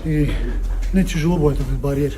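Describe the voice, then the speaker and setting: A man's voice: on the high side, fast. A male fighter, giving modest, noncommittal interview answers. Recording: crowd noise in busy venue.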